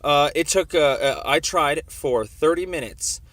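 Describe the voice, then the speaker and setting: A man calls police internal affairs to press a complaint, arguing insistently and repetitively and often talking over the other person. His voice is a little high and fairly bright, a little slow, with no room sound.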